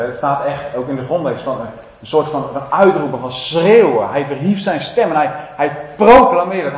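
Emphatic male preacher in a roomy hall. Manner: emphatic, building to loud proclaiming, then dropping low and intimate; colloquial asides to the congregation. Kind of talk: sermon. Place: church service. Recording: roomy, slightly dull hall sound.

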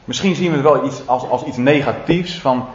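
A man preaching a sermon to a church congregation, swinging from loud proclaiming to low, intimate asides, and speaking to his listeners in a casual, direct way. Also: normal speed. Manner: emphatic, building to loud proclaiming, then dropping low and intimate. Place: church service. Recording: roomy, slightly dull hall sound.

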